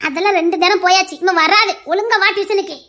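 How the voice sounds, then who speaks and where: A woman's voice: very high voice, fairly even intonation, fast, bright, forceful tone, pitched below the performer's own voice. A woman voicing a fussing village mother who coaxes and grumbles at her child in a comic skit. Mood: grumbling. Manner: coaxing then grumbling, talks in long runs.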